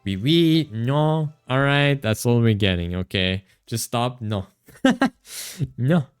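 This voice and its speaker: A man's voice: mid-range voice, takes it slowly, clean tone, soft background music. A man streaming a game, chatting playfully with his chat, teasing and laughing, stumbling as he reads game text aloud. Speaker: VTuber streamer. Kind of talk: casual gaming livestream chat.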